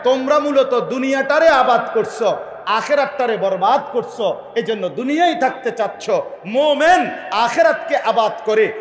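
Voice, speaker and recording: A man preaching a sermon, impassioned, rising to shouts and questioning the crowd. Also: extremely high pitch, animated, moderate pace. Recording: echoey hall with long reverb.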